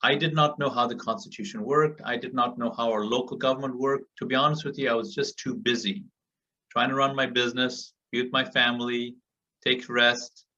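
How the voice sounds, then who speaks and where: The man talks fairly quickly, with a steady, bright and forceful tone at medium pitch. He is from Africa, delivering an earnest motivational speech on a group call and repeating points for emphasis. It is recorded as muffled, distant call audio.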